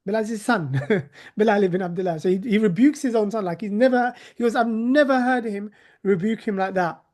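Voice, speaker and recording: A man with a high, somewhat dark voice speaks fairly quickly. He teaches hadith in a live class, keeping things conversational and tossing in sarcastic rhetorical asides.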